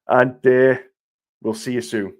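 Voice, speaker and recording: A man hosting a casual live-stream chat, his voice groggy from illness, chatty and matey with frequent laughs. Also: mid-range voice.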